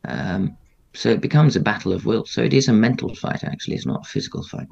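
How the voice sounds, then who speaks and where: Gravelly deep-voiced man, blunt. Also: quick pace, darkish tone, a little hiss or hum. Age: middle-aged. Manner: blunt, matter-of-fact, swears freely. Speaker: guest, former aircrew. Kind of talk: candid interview recollection. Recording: slightly dull lo-fi audio.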